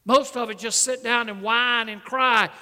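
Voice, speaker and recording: Bright high-voiced man preaching in a hall. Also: steady tone, measured pace. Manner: emphatic preaching, rising on lists, dropping soft for appeals. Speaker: pastor. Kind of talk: sermon.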